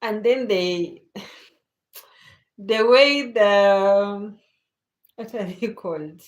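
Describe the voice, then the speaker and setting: Over dull audio, a Kenyan woman with a medium-pitched voice talks extremely slowly. She's hosting a casual late-night livestream, chatting with viewers about their comments and laughing often.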